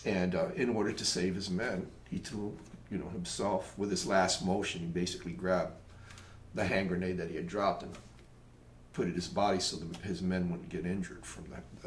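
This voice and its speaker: A man's voice: low voice, moderate pace, slight background noise. A man from Tampa telling local stories in a casual, rambling way with self-mocking humor. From Tampa, Florida, USA. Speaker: local storyteller. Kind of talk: casual storytelling monologue. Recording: roomy echo.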